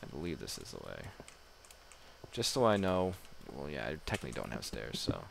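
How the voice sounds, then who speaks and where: A man with a very low, gravelly voice talks his way through a game in a loose, meandering way, poking fun at himself and letting the odd swear slip. A hiss of noise sits under the recording. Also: huge pitch swings, moderate pace. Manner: rambling, self-deprecating, occasional swearing. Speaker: gamer. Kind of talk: casual gameplay commentary. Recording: noisy home mic recording.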